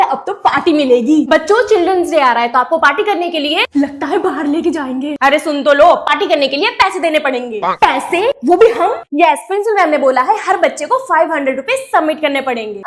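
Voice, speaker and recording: A woman performing short comedy skits, switching between student, teacher and mother roles. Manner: high-pitched, switches between characters. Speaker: comedy sketch creator. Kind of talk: skit comedy playing several roles.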